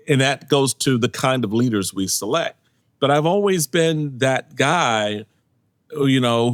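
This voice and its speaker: A man in his sixties, a guest in a casual interview, telling lively stories and acting out what people said, laughing often. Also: mid-range voice, no echo. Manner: animated storyteller, acts out quotes, laughs often. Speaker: podcast guest, former party chairman.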